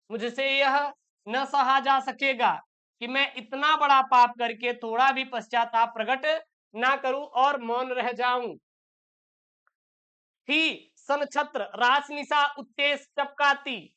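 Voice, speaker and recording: A woman's voice: high-pitched, pushed and bright, clean tone. A woman teaching an exam-prep lesson, explaining a poem line by line and asking and answering her own questions.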